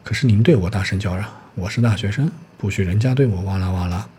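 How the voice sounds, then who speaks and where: A man reading a storybook's proud, poor young male student, who answers with sharp, indignant retorts in a low, mellow voice. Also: fast, slight background noise, close to an everyday voice. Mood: defiant.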